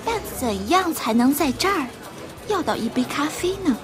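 An eager young woman on a secret mission in a radio drama, pitched very high and swooping. She sounds bewildered and urgent, her French halting, speaking slowly over music. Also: animated. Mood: curious, unsure. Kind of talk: language-learning radio drama. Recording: music behind the voice.

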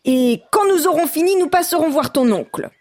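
A busy old farm grandmother, bossy and scolding, stretching out her calls with a lively, rising voice, as a woman reads her. She sounds like a character from a storybook read aloud. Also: sits high, moderate pace, voice pushed up.

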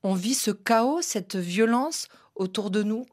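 A woman hosting a radio interview, asking questions in a measured, articulate way. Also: mid-range voice, lively intonation, a little mellow. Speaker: radio host.

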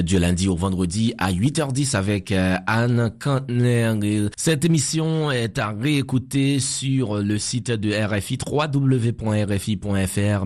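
A man's voice: lowish voice, darkish tone. A man hosting a radio show, presenting and signing off with thank-yous and plugs.

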